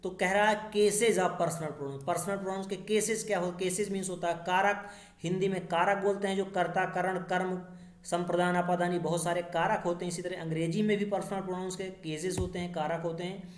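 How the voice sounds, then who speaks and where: A teacher walks through English grammar lesson by lesson, reading each example sentence slowly before translating it. The teacher poses rhetorical questions and answers them right away. The voice sits at a middle pitch and rings in an echoey room. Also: level tone. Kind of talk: explaining English grammar in Hindi.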